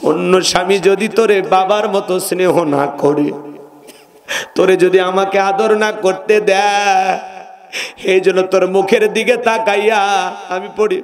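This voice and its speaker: Heartbroken old widowed mother done by a male preacher, sung wailing lament, high voice. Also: fairly even intonation, normal speed. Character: poor widowed mother, older woman, heartbroken.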